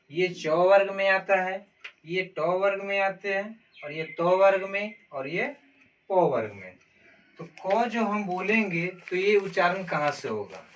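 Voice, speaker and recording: A man with a fairly high voice teaches a basic grammar lesson. He explains step by step and calls out each letter one at a time. He sounds set back from the microphone, with a faint hiss in the background. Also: fairly bright tone. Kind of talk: classroom-style Hindi grammar lesson. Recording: distant mic with faint noise.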